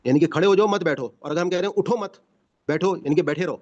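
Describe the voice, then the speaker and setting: A man's voice: a little high, a little mellow. A man teaching a Quran class over a video call, explaining patiently. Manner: patient explaining, frequent "basically" and "yani ke". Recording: muffled video call audio.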